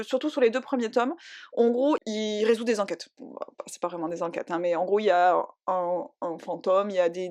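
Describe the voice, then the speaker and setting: A young woman chatting casually about books she loved, rambling with lots of fillers and restarts. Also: mid-range voice. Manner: rambling, animated, many fillers and self-corrections, laughs often. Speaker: book vlogger. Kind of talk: casual chatty book review.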